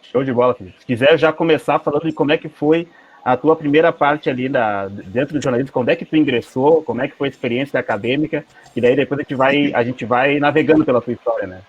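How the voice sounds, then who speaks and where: A man's voice: medium pitch, fast, breathy edge. A man with a Brazilian accent casually hosting an online event without a script. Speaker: host of an online student event. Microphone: video call. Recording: dull lo-fi call audio.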